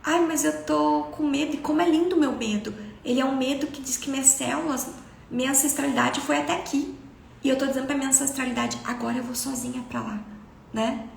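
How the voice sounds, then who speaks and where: A woman's voice: sits high, fast, creaky, roomy sound, a little hiss or hum. A Brazilian woman hosting a casual live stream, talking earnestly and expressively about spiritual healing and telling personal stories. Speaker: spiritual self-development host.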